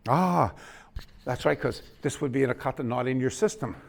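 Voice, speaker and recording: A man teaching a hands-on martial arts class in a dojo, coaching students with quick commands and laughter. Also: medium pitch, creaky. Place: dojo hall.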